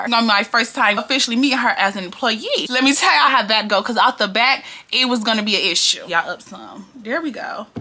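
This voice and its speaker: Young woman vlogger, high-ish clear bright voice, sassy slangy storytime talking straight to viewers. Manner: chatty, sassy, slangy, addresses viewers directly. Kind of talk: casual storytime monologue. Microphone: on-camera mic.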